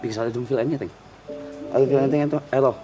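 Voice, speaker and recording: A man speaks at a middle pitch as a guest in a casual interview. He is flat and deadpan, and he switches between English and Indonesian. Music plays clearly behind him. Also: fast, rough recording.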